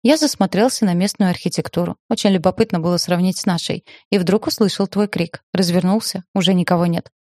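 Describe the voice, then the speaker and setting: A woman reading a sheepish young man in a fantasy storybook, who tells his part in an apologetic way. He sounds timid and guilty, and the telling has a soft, mellow tone that stays close and dry. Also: on the low side, brisk, few pauses, dry recording, close to an everyday voice.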